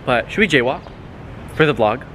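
A man's voice: medium pitch, lively intonation, moderate pace, bright, forceful tone, a little hiss or hum. A young man vlogging casually on a city street, rambling and swearing, with a handheld camera and music playing behind. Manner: rambling, profane, self-mocking. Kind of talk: casual vlog chatter. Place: city street outdoors, walking.

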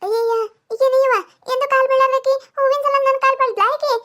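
A woman's voice: extremely high pitch, steady tone, quick pace, a bit bright. A woman with a North Karnataka accent voicing a grumbling, nagging village mother-in-law in a cartoon comedy. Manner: grumbling, nagging, talking to herself.

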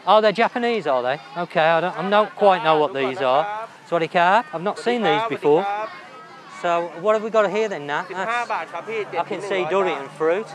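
With a high-pitched, expressive voice at a moderate pace, a man hosts a walking tour of a bustling outdoor night market as a travel vlogger. He chats enthusiastically and reflects aloud on the food he sees while a crowd murmurs behind him. It's shot on a handheld camera while walking, with loud outdoor market noise.

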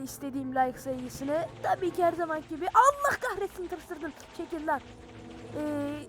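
A woman giving excitable, slangy let's-play commentary on a horror game, yelling and cursing when startled. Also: high-pitched. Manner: slangy banter with viewers. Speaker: gaming channel host.

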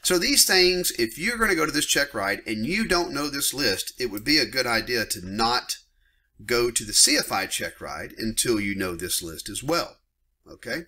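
A man's voice: medium pitch, sing-song, moderate pace, bright, forceful tone. A middle-aged man teaching a lesson on pilot regulations, blunt and emphatic, getting worked up and tossing casual asides to his viewers. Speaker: flight instructor. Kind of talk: screen-share lesson on aviation regulations.

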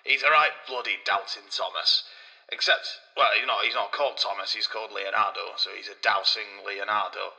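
A man's voice: lowish voice, fairly even intonation, moderate pace, creaky, bright, forceful tone, full character voice, low-quality recording. A man voicing a coarse, boastful male Renaissance sculptor, rambling crudely.

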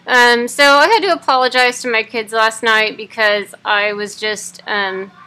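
A woman's voice: a little high, fairly even intonation, measured pace, bright, forceful tone, clear, resonant tone, poor audio. A woman in her thirties giving a casual personal video update, speaking through teeth clenched by a wired-shut jaw. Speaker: vlogger. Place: living room at home.

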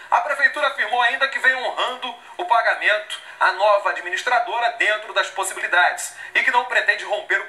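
A man's voice: high voice, sharp tone, reverberant. A man in his forties with a Brazilian accent, a news anchor in a studio giving sarcastic, emphatic commentary while reading out a statement. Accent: Brazilian Portuguese. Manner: indignant, sarcastic, emphatic, gesturing. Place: television studio.

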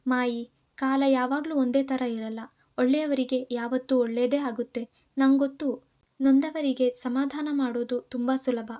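Caring young woman, earnest, reassuring, high pitch, mellow tone, a woman voicing her. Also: steady tone, unhurried. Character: caring young woman comforting an older friend.

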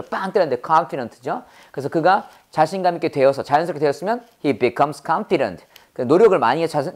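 Low voiced lady teaching english words, repeats stuff a lot, punny. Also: a little mellow. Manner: drills words by repeating them, with playful sound-alike puns. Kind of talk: vocabulary lecture.

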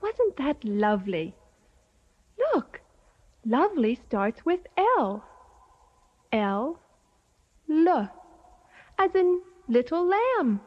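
A woman narrating a children's letter lesson in a slow, playful, sing-song way. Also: sits high, very animated. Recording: dull lo-fi track with faint music.

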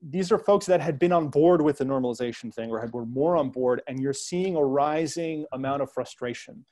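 A man's voice: medium pitch, fairly quick, mellow. A man speaking as a guest analyst in a panel discussion, hesitant, with many fillers and restarts and a touch of wry sarcasm.

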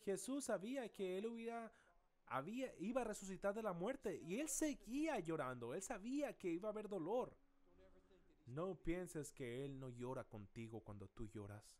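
A man pastor preaching a sermon in a church, dramatic, dropping soft and slow then rising to loud calls. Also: fairly high pitch.

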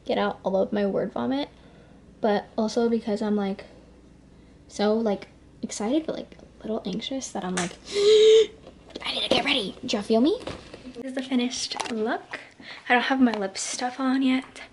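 A woman's voice: fairly high pitch, moderate pace, background noise. Bubbly, breathless young woman. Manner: chatty, filler-heavy, bubbly. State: slightly out of breath. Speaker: vlogger. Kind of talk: casual chat to camera.

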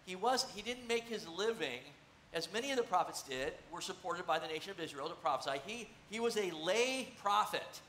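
A middle-aged pastor preaches with animated, conversational energy from a church stage, gesturing while seated on a stool, his voice high and bright and fairly quick. The large room gives an echo, with faint hiss beneath.

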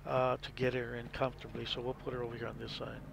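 A man's voice: mid-range voice, completely flat delivery, fast talker, creaky, background noise. A man hosting a gameplay video, explaining casually and rambling as he plays. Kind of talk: casual game commentary.

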